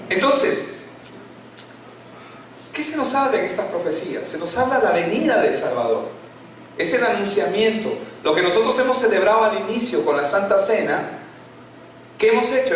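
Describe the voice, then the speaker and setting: A male pastor preaching a sermon, full of rhetorical questions and falling low on key words. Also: a bit bright, slight background noise. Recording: echoey church hall from far off.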